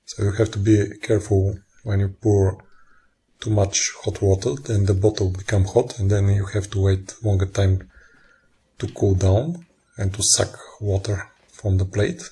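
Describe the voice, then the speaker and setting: A man presents a hands-on science experiment in non-native English. His voice is very raspy and rather dark. He explains plainly, step by step, in a halting way. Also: on the low side. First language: not English. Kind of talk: informal hands-on science demonstration.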